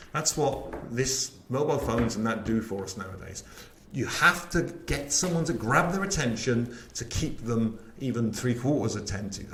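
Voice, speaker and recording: A man's voice: medium pitch, echoey room. A middle-aged man with a West Country accent presenting a live sales-training webinar, chatty and enthusiastic, often asking the audience questions. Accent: West Country English.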